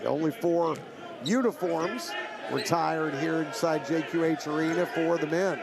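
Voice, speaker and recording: A male color analyst talks through a live basketball game in a conversational, opinionated way. His voice is high for a man and has a gravelly creak. A clear arena crowd is behind him. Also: unhurried. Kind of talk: live sports commentary.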